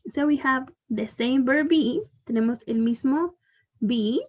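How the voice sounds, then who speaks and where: A woman teacher with a Chilean Spanish accent, giving a bilingual English lesson, drawing out the English examples slowly and explaining quickly in Spanish. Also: sits high, highs cut off. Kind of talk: bilingual online class.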